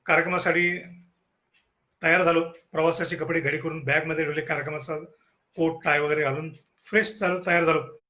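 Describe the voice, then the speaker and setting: A man giving a humorous storytelling lecture at a lecture series, animated and acting out the dialogue. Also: a little high, a little fast. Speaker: guest speaker at a lecture series.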